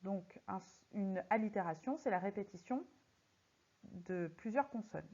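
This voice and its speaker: A woman teaching a recorded lesson on poetry, speaking slowly and deliberately and stressing words syllable by syllable as she works through exercises. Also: mid-range voice, expressive, a little mellow. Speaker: French teacher. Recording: slightly muffled lo-fi audio.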